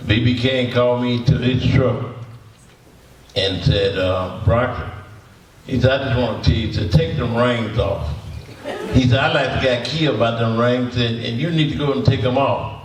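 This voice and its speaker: A blues musician in his 80s tells rambling stories to an audience in a symposium hall, repeating words and chuckling as he goes in a folksy manner. His voice is medium-pitched at a normal speed, with a little hiss or hum. The recording is echoey and picked up from far off.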